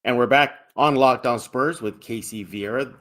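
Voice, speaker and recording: Upbeat guy hosting a sports podcast, chatty, mid-pitched voice. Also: moderate pace, a bit bright. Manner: upbeat, chatty, laughs often. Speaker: podcast host. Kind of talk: casual sports podcast chat.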